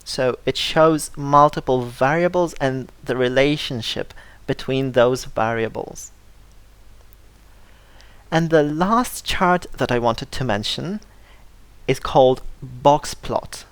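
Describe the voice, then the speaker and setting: Slow, careful English teacher. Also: mid-range voice, clear, resonant tone, no room sound. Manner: slow, careful delivery, repeating word lists for learners; stresses syllables to model pronunciation. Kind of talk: scripted vocabulary lesson.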